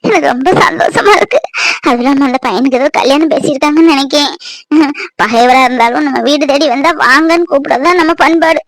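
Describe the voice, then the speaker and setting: A gentle, peacemaking village mother from an animated family drama, voiced by a woman. She speaks slowly and pleadingly in a high voice. The recording is close and dry. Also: no echo, rough recording. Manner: soft, pleading, slow.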